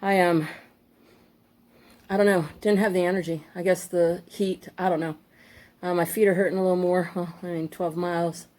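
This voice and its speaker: A woman's voice: fairly low pitch, level tone, normal speed, darkish tone. A woman, out of breath, chatting casually on a hiking trail. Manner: chatty, rambling with fillers. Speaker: hiking vlogger. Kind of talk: casual vlog chat.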